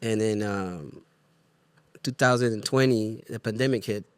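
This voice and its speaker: A man's voice: lowish voice, a little slow, clean tone, no room sound. Earnest Ecuadorian-accented man, dry sound. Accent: Ecuadorian Spanish. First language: Spanish. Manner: earnest, searching for words, many restarts. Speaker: guest, music producer and artist. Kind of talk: casual interview talk.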